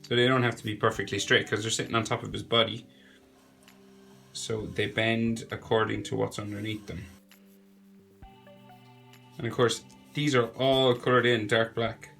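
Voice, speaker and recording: A young man with a cold speaks in a lowish, creaky, nasal voice at normal speed, leaving long pauses. As a drawing tutor, he casually talks through his drawing step by step, with faint music underneath.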